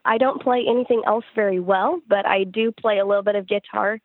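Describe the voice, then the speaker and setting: Answering interview questions with a brisk, conversational delivery, this gospel singer-songwriter has a steady mid-range voice. Her audio is echo-free but narrow and tinny.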